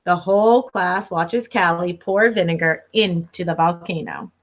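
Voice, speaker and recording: A lowish, unhurried voice belongs to this elementary teacher in her thirties, reading a picture book aloud at home in her living room. She speaks directly to young listeners, expressive and instructive as she goes.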